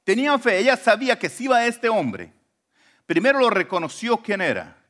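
A man preaches a sermon in church, his voice sitting a bit high and swinging widely in pitch. He shifts between hushed, low remarks and raised, emphatic points. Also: very animated, normal speed. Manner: retells scripture with acted quotations. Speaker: pastor.

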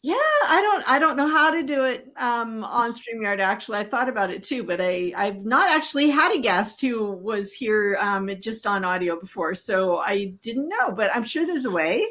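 A woman raised in Canada hosting a casual live-stream interview, chatty and quick to laugh. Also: fairly high pitch, lively intonation, a bit bright. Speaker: podcast host.

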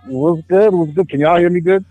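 A man's voice: sits high, fairly quick, no echo. A man calling in from outdoors on a phone, his voice muffled as if heard through a wall, greeting people in laid-back slang. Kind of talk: casual chat. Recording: muffled tinny phone line.

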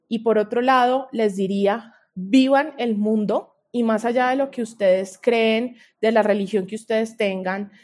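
Her voice is mid-range, and her accent Colombian. As a researcher guesting on a podcast, she shares advice casually in conversation, sounding earnest and expressive.

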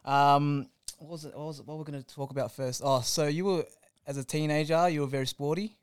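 A man's voice: on the high side, steady tone, a little fast, smooth, dry recording, clean studio sound. A young man hosting a podcast, talking in a friendly, informal, slangy way. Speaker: podcast host. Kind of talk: casual podcast chat.

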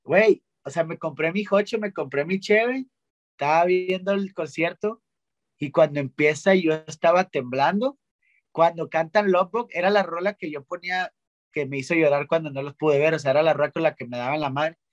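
A man's voice: fairly high pitch, normal speed, no room sound, muffled recording. Slangy young man, dry close sound. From Monterrey, Mexico. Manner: slangy, animated storytelling with many restarts. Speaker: guest singer-songwriter. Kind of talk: casual interview chat.

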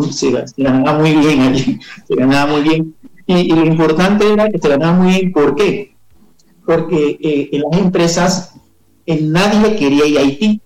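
A man's voice: on the high side, a little mellow, roomy sound, rough recording. A man, telling his life story as an interview guest, rambling with many fillers and restarts. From Panama.

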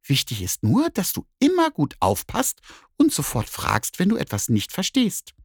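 A man putting on a high sassy cat lady. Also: huge pitch swings, moderate pace, breathy edge, dry recording, studio quality, heavily acted. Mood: coaxing. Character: cheeky boastful female neighbor cat.

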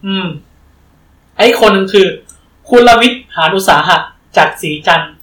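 A man co-hosting a podcast in casual chat, chatty and quick to laugh. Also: sits high, recorded from a distance, a crowd in the background. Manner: chatty, laughs often, reads details aloud. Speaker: podcast co-host. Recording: roomy, from off-mic, faint ambience.

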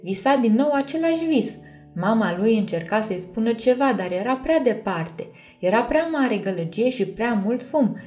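A woman narrating a children's storybook chapter in a calm, measured way. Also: medium pitch. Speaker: audiobook narrator. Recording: soft music underneath.

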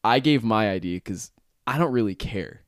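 A man's voice: on the low side, moderate pace, no room sound, clean studio sound. A man in his twenties hosting a podcast, telling a rambling, profane story in casual chat. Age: 20s. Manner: rambling, profane, animated retelling with frequent laughs. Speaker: podcast host.

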